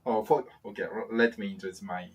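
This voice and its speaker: A man joining a casual lesson, speaking haltingly as he searches for his words. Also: on the low side, breathy edge, recorded from a distance. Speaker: guest co-host.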